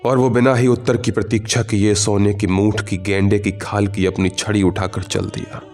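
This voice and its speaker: A man narrating a literary short story in the first person, in a measured, literary reading with quiet emotional shifts. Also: lowish voice, little pitch movement, soft background music.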